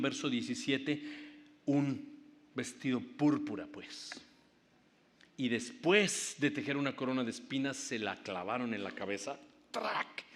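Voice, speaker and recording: A man's voice: mid-range voice, fairly bright tone. A male pastor preaching a Good Friday sermon, retelling scripture vividly and dramatically, with spoken sound effects. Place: church sanctuary. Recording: long church reverb.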